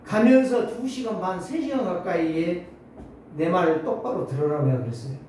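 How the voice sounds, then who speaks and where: A man in his sixties preaching a Sunday sermon, swinging between loud exclamations and low asides. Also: moderate pace, a little hiss or hum. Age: 60s. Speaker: pastor. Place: church sanctuary. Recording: very echoey hall, mic at a distance.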